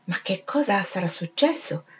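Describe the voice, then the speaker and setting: A woman's voice: medium pitch, animated, moderate pace, husky, dull audio. A woman reading aloud, voicing a middle-aged man musing to himself in an audiobook. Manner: musing, wondering.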